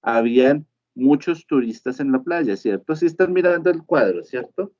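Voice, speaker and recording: A man's voice: fairly high pitch, lively intonation, moderate pace, a little mellow, highs cut off. A male teacher gives a live online lesson. He explains step by step and keeps checking in with his students. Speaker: English teacher.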